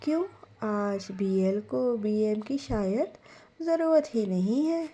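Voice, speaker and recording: A woman's voice: mid-range voice, animated, slow, warm tone. A woman voicing a doting, affectionate middle-aged mother in a spoken story, with a sweet, coaxing, sing-song manner. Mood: hurt teasing. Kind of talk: storytelling role voice.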